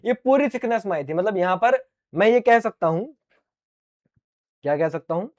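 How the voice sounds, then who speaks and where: A middle-aged man teaching physics in an online exam-prep lecture. He is playful and animated, answers himself in a student's voice, calls the viewers his dear children, and his throat is getting sore. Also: high-pitched, moderate pace.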